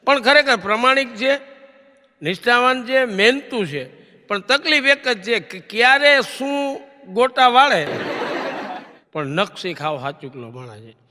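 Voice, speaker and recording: A man telling comic stories on stage, animated, throwing the punchline back to the audience as a question. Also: extremely high pitch, unhurried, long reverb tail. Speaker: stage comedian. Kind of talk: comic storytelling to a live audience.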